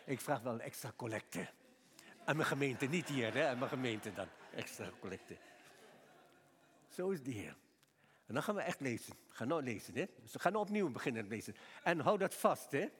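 An older man preaching a sermon, telling a lively personal story and acting out both sides of his talk with a doctor. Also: medium pitch, moderate pace, big-room sound, a little hiss or hum.

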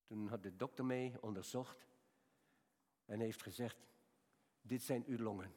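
A man's voice: lowish voice, steady tone, unhurried. Older male preacher in a reverberant hall. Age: 70s. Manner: storytelling, swings from quiet to raised emphatic. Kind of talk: sermon.

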